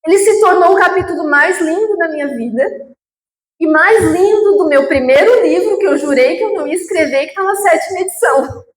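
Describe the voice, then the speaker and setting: A woman with a high voice tells a deeply personal story to an audience, her words stretching into slow pleas and then climbing sharply. The sound is roomy and echoing, as if picked up across a lecture hall, with a faint hum behind her. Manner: heartfelt, with slow drawn-out pleading phrases and sudden high emotional peaks. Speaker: guest lecturer. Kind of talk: emotional personal testimony lecture. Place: lecture hall of a spiritual group.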